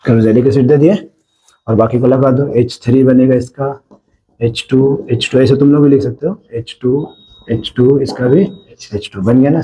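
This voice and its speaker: Mellow-voiced Indian man teaching chemistry. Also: medium pitch, rough recording. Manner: explains step by step, often checking "है ना?". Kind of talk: classroom-style lecture.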